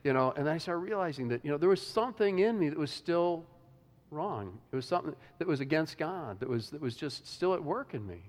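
Conversational pastor in a reverberant hall. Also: male voice, a little high, lively intonation, brisk. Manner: conversational, many restarts and "you know", chuckles. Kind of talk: sermon.

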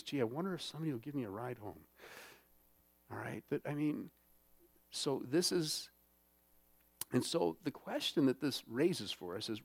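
In a dry recording, a pastor with a mid-range voice delivers a church sermon. His style is conversational, heavy on fillers, with frequent check-ins with the congregation.

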